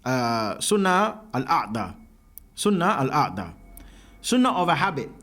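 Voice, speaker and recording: A man's voice: mid-range voice, big pitch swings, measured pace, a bit bright. A man teaching a class, explaining terms step by step and checking in with students by asking "yeah?". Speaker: religious teacher. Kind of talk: classroom lecture.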